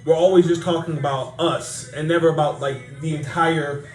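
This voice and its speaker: A man's voice: fairly high pitch, fairly even intonation, normal speed. A young man chiming in earnestly during a casual group discussion. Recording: echoey room with faint music.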